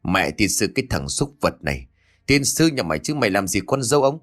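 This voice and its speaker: A man's voice: on the low side, big pitch swings, a little fast. Man doing a roaring enraged old landlord. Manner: roaring curse.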